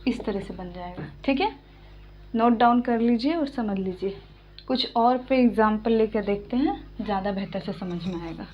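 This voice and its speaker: A woman teaching an English lesson, explaining slowly and patiently and often checking that her students follow. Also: mid-range voice, slight background noise. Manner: patient, repeats and checks understanding. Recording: dull lo-fi sound.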